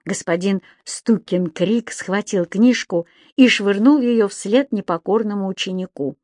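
A woman narrating a children's storybook in an even, clear storytelling manner. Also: medium pitch, a little slow, dry recording, clean studio sound. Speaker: audiobook reader.

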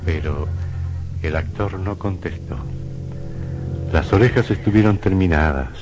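A man with a low voice narrates a horror radio play at a slightly slow pace, in a suspenseful, sinister, theatrical style. It is scripted, dramatic horror narration with music in the background.

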